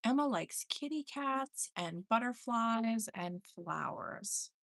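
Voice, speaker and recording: A woman's voice: on the high side, expressive, slow pace, fairly bright tone, no room sound, studio quality. A woman hosting a casual live stream spirit session, chatting to spirits and viewers by name and relaying replies aloud.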